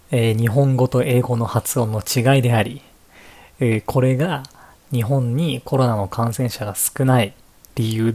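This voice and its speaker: Husky-voiced Japanese podcast host. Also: male voice, medium pitch, a little mellow. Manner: unhurried, chatty, switching between English and Japanese. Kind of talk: casual solo podcast talk.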